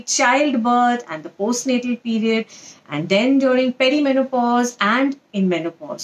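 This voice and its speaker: Casting: woman, Indian accent, doctor-presenter for an informal health talk, animated delivery with emphatic lists, slightly high register. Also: low-quality recording.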